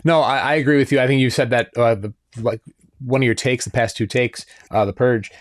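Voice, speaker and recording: Male podcast co-host, mid pitch, loose and rambling delivery, dry booth sound. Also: fairly even intonation, a little fast, no echo. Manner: loose, rambling, many fillers and restarts. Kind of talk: casual podcast chat.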